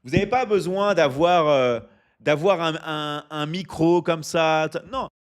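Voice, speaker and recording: A Frenchman runs a live stream for his online academy, making a sales pitch while reading the chat. His pitch sits slightly raised and his pace is unhurried and smooth, yet he's energetic, repeats himself a lot, and scatters filler sounds while checking in with "ok? d'accord?"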